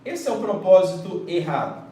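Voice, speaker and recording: A man, a pastor teaching a Bible lesson in an emphatic preaching style, often checking in with his listeners and addressing them warmly as his children. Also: high voice, lively intonation, normal speed, roomy sound, low-quality recording. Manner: emphatic, keeps checking in with "ok?", calls listener "filho".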